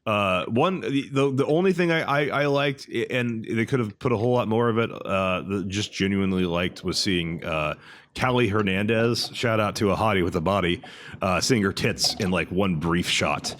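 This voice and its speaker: A man's voice: on the low side, normal speed, a bit bright. A man co-hosting a casual podcast chat, blunt and crude, rambling with restarts. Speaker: podcast co-host.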